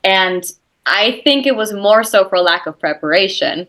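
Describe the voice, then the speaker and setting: Speaking at normal speed with lively intonation, this woman has a medium-pitched, slightly bright voice and a Swiss German accent from her native tongue. As an actress guest in a casual interview she's chatty, laughs readily, and leans on "like" and "you know."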